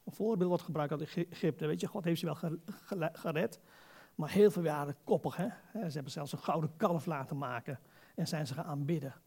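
A man's voice: a little high, a little fast, a little mellow, husky. A man preaching an informal, conversational sermon as a pastor, exhorting his listeners and putting rhetorical questions to them.

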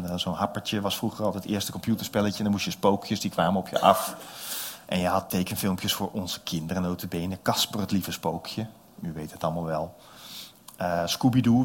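A man from the Netherlands preaching a sermon, acting out the disciples' voices and swinging from loud calls to soft asides. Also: on the low side, slight background noise.

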